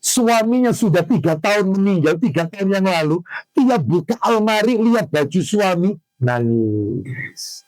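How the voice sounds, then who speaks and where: A man preaching a sermon to a women's study group. He is animated, sending his pitch up to act out his examples, and he stops to quiz his listeners. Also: unhurried, dry recording, poor audio. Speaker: Islamic preacher.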